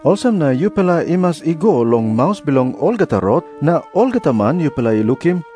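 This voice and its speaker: A man's voice: on the high side, big pitch swings, brisk, warm tone, soft background music. A man with a Papua New Guinean accent playing a teacher telling parables in a dramatised scripture reading. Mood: storytelling. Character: Jesus, an adult male teacher telling parables. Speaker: voice of Jesus in an audio Bible.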